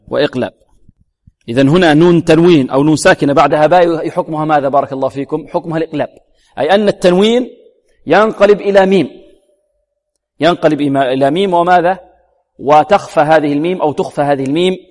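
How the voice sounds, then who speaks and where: A man's voice: on the high side, darkish tone. Man teaching recitation in an echoing hall. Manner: quizzes listeners with repeated rhetorical questions; demonstrates sounds slowly and deliberately. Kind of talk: tajweed lesson. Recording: long reverberant hall.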